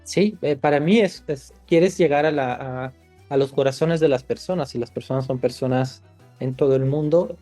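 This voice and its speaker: An Italian screenwriter, a guest on a podcast interview, talks thoughtfully with many fillers and restarts. His mid-range, dark voice has a moderate pace, with faint music behind.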